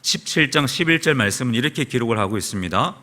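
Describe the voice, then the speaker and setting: A male pastor preaching a sermon in a church, telling the story in an animated way. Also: mid-range voice, fast. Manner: animated storytelling, acts out quoted shouts. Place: church sanctuary.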